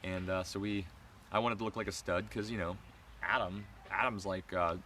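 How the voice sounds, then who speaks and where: A man co-hosting a vlog, chatting excitedly and rambling in a casual recap. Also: sits low, normal speed, a little hiss or hum. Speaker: vlog co-host. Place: outdoor campground.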